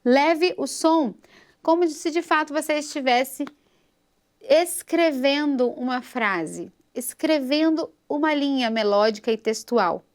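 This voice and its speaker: A Brazilian Portuguese woman gives a singing lesson, talking through phrasing with unhurried patience. Her speaking voice sits high and her pace is slow and deliberate. She keeps stopping to make sure her students are following along. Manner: patient, explains slowly, checks in with "tudo bem?". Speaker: singing teacher. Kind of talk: vocal lesson with sung examples.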